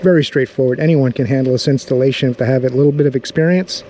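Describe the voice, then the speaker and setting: A man's voice: medium pitch, fast talker, warm tone, a little hiss or hum. A man casually talking through a pool pump review outdoors by a backyard pool, in an easygoing, chatty way.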